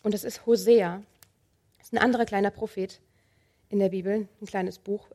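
A woman preaching a sermon, speaking calmly and earnestly and addressing the listener directly. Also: mid-range voice, moderate pace. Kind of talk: sermon with Bible reading.

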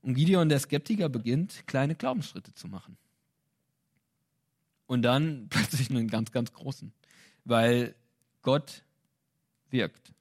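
A man giving a sermon in a casual, colloquial way, acting out quotes with lively storytelling and light laughs. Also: medium pitch. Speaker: preacher.

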